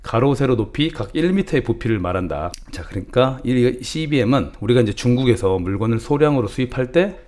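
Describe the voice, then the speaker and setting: A man's voice: medium pitch, lively intonation, brisk, hardly any pauses, darkish tone. A middle-aged man with a lilt, teaching import cost calculation in a folksy, casual way that calls himself grandma. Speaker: channel host teaching importing. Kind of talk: casual instructional talk.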